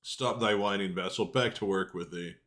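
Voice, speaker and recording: A man's voice: low voice, normal speed, a bit bright, pitched above the performer's own voice. A man voicing a domineering master who scolds his vassal in archaic English in a fantasy game. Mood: impatient. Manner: imperious, archaic. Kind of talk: game dialogue read aloud.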